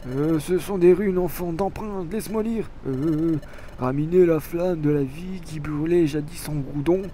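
A man reading as an eager creature explorer in a video game, full of wonder and stumbling over the odd word. The voice is fairly high, with faint noise behind it. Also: warm tone, natural voice. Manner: wondering, hesitant reading with "euh". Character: curious male Pokémon partner, eager explorer. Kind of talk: dramatic reading of game dialogue.

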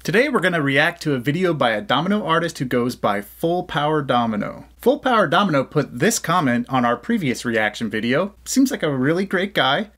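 An American man in his thirties hosts a casual reaction video from a desk in a small indoor room, using a desk condenser mic. His voice leans high with a fairly bright tone, and he sounds upbeat and enthusiastic, quick to heap on praise.

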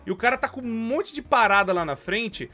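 Male narrator voicing an eager Brazilian dad, slangy, high and bright. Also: lively intonation, a little fast, heavily acted. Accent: Brazilian Portuguese. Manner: casual slangy voice, barely changed. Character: eager hardworking young father, charming.

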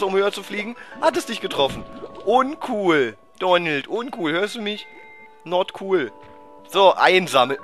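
A man doing casual let's-play commentary, excitable and loud, shouting and groaning at the game, his voice cracking. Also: a little high.

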